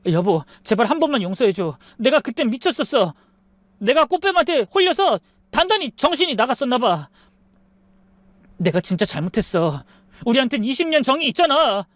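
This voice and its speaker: A man's voice: very high voice, big pitch swings, normal speed, a bit bright, no room sound, voice pushed up, full character voice. A woman reading the part of a desperate middle-aged husband who pleads and then lashes out, in a storybook drama. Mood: pleading.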